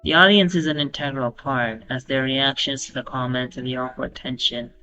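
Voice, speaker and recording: A man giving explanatory voice-over commentary that breaks down a comedy segment, talking in a halting way with fillers. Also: mid-range voice, fairly even intonation, sharp tone, faint music behind, low-quality recording. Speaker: video commentator.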